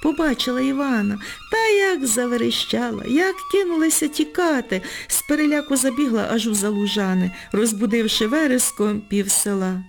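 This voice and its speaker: A woman narrating an audiobook in a measured, expressive storytelling manner. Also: a little high, gravelly, soft background music. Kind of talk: audiobook reading.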